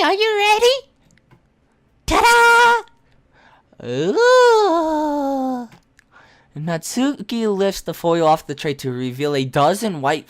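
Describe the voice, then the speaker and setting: A woman streamer reads a visual novel aloud with a wry running commentary. Her voice sits low, her pitch swings lively, and the sound is dry and close, with a stammering, offhand delivery. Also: no room sound.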